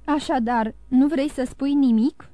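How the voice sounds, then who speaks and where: Woman reading a calm, coaxing priest. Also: high voice, no room sound, pitched above the performer's own voice, close to an everyday voice. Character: calm, sly male priest.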